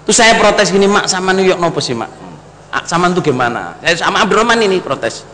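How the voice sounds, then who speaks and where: Brief: middle-aged male preacher, high bright voice, telling a story to his congregation, echoing hall. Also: animated, a little fast. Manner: addresses the congregation as brothers and sisters, mixes in Javanese. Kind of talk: storytelling sermon. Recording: long hall reverb, faint noise.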